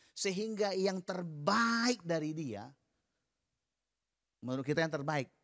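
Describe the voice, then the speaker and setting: In a studio-quality recording with no echo, a man with a fairly high voice delivers a sermon. He talks to the congregation directly and conversationally, guiding them through a passage read aloud together.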